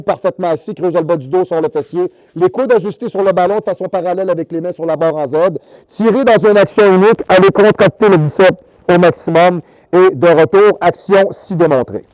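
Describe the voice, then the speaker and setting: A man's voice: sits high, fairly quick, a little mellow. A man hosting a fitness show in a Québécois French accent, mixing coaching with crude, teasing jokes. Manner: joking, crude, teasing asides; instructive coaching during exercise demo. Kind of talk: comedic fitness show monologue.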